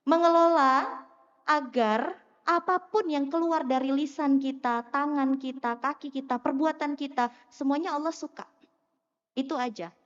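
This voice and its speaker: High-voiced woman preaching in an echoing hall. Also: measured pace. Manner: animated, teasing, asks the crowd questions. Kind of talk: lively sermon to a live audience. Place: mosque hall. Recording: muffled sound in a long-echo hall.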